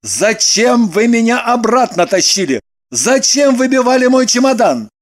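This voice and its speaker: A man's voice: extremely high pitch, very animated, unhurried, heavily acted. A man reading the part of a prim, self-important businessman in an audiobook, stiff and indignant.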